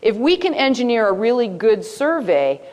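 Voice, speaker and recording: A woman giving a live presentation, lively and asking her audience questions as she goes. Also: on the high side, normal speed. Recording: long hall reverb.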